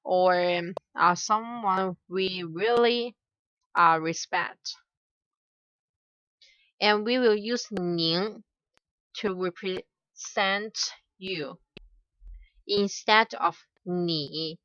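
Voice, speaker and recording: Explaining grammar at a very slow, halting pace, a young female tutor from Hong Kong, a native Cantonese speaker, repeats her example phrases with care and uses many filler "uh"s. She has a lowish voice with a bright tone, captured in a dull, dry, somewhat lo-fi recording.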